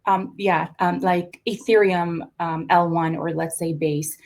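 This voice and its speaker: A young woman from Costa Rica talks through her ideas in an interview, pausing on "um" and "uh" as she goes. Her voice sits a little low for a woman, and she speaks with a steady, reflective flow. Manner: thoughtful, many fillers and restarts. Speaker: artist guest. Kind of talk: conversational interview.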